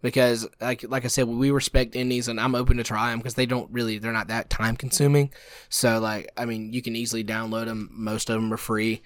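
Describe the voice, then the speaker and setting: Fast-talking young man, dry sound. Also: medium pitch, level tone, dry recording. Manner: rambling, laughs often, stumbles over words. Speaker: podcast co-host. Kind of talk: casual chat.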